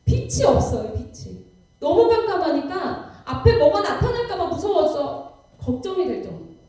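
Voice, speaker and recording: A woman's voice: extremely high pitch, sing-song, normal speed, dark tone, recorded from a distance. A woman missionary giving a sermon testimony, telling her story vividly and dramatically in a church. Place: church sanctuary. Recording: echoey church hall from afar.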